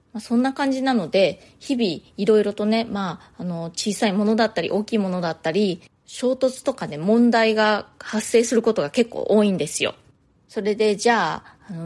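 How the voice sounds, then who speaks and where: Chatty woman hosting a solo podcast. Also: medium pitch. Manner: chatty and explanatory, many soft fillers. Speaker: podcast host.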